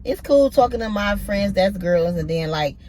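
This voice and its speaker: A woman's voice: medium pitch, animated, normal speed, darkish tone, a little hiss or hum. A woman in her forties talking candidly and casually to her vlog audience, filling her speech with "like" and "you know what I mean". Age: 40s. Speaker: vlogger. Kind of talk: casual chat. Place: parked car at night.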